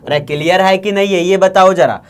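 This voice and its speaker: High, clear-voiced man teaching a lesson. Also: moderate pace. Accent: Bihari Hindi. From India. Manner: repetitive, coaxing, asks the class often. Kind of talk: online lecture.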